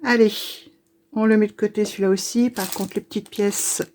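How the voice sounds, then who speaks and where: A woman chatting casually to her viewers as she unboxes things, talking with many pauses, fillers and restarts. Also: mid-range voice, steady tone, noisy background. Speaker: YouTuber opening advent calendars. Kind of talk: casual unboxing chat to camera.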